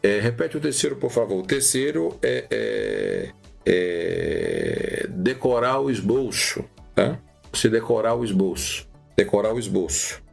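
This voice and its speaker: Gravelly low-voiced preaching teacher. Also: male voice, measured pace, faint music behind. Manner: animated, many restarts and "tá bom?" checks. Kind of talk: live-streamed preaching lesson.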